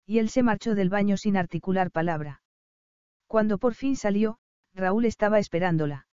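A woman reads an audiobook in a calm, even way, with a warm, mellow tone. Her voice is smooth and dry, close on the mic. The recording sounds dull and lo-fi. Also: mid-range voice, moderate pace, dry recording. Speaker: audiobook narrator. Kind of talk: scripted narration.

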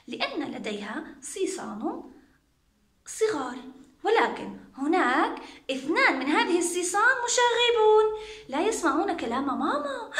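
A woman's voice: very high voice, fairly bright tone. A young woman teaching young children to count, in a sing-song, coaxing way. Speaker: kindergarten teacher. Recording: roomy echo.

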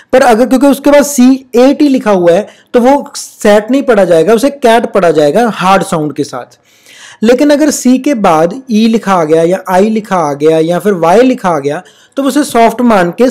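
In a recorded classroom-style spelling lesson, a teacher with a mid-range voice reads English rules out slowly and deliberately, then explains them in Hindi. Example words are repeated, and the explanations come at a patient, steady pace.

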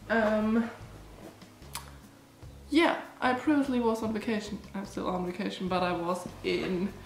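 A young German woman, her nose stuffed up from allergies, casually chats while sampling snacks for her food vlog in a small cottage room. Her medium-pitched voice stays steady and unhurried, with a roomy sound, recorded by a camera close in front of her. She rambles chattily, dropping plenty of "like" and "um."

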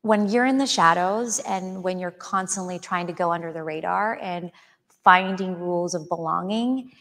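A woman's voice: on the low side, normal speed, fairly bright tone. A woman in her thirties, originally from Chile, speaking earnestly as an author guest in an onstage interview before an audience. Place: auditorium stage before an audience. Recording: hall with long reverb.

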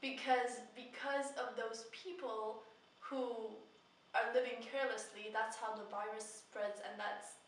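Speaking at a measured pace with a fairly high, steady voice, this young adult woman addresses her camera in a casual, sincere vlog, wandering a little and stressing things from the heart. The setting is a small indoor space with plain painted walls, recorded on a camera mic from afar, so it sounds echoey with slight noise.

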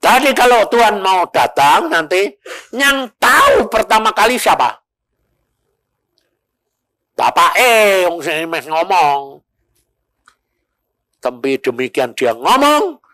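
Lively older pastor preaching. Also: male voice, on the high side, slow, long pauses, no room sound. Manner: animated storytelling, acting out quoted voices. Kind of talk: sermon with storytelling.

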